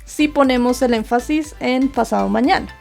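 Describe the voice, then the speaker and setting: A woman teacher with a high voice and a gravelly edge explains grammar step by step. She poses questions to her students and answers them herself. Soft music plays faintly behind her. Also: moderate pace. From Colombia. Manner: patient, asks rhetorical questions and answers them. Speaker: Japanese teacher. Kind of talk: explaining grammar lesson over slides.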